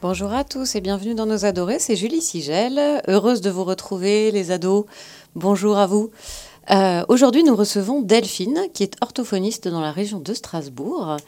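A woman hosting a radio show for teenagers, chatting with her guest in a friendly way with quick back-channel remarks. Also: medium pitch, expressive, dark tone, faint music behind. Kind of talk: radio interview, casual chat.

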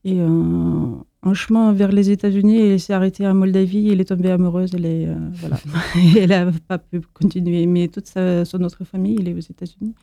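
A woman's voice: on the low side, little pitch movement, a little fast, creaky, few pauses, mellow, no echo. A woman from Moldova, the founder of an association, answering interview questions hesitantly with many fillers and restarts.

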